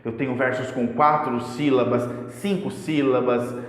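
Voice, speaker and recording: A man's voice: mid-range voice, fairly even intonation, measured pace. A man with a Brazilian Portuguese accent teaching a casual video lesson on poetry, chatting to viewers and checking in with "tá certo?". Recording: very echoey room with long reverb.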